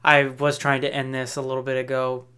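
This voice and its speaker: A woman's voice: very deep voice, monotone, fairly quick, a bit bright, clear, resonant tone. A woman co-hosting a podcast in casual chat, dry and laid-back, often trailing off. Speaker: podcast co-host.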